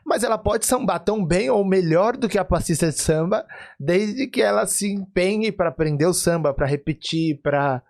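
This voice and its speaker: A man's voice: sits high, normal speed, a little mellow. A man hosting a podcast, chatting casually with his guest and often trailing off to restart his thoughts. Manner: thinks aloud, many restarts and "né?" checks. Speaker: podcast host. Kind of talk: casual interview chat.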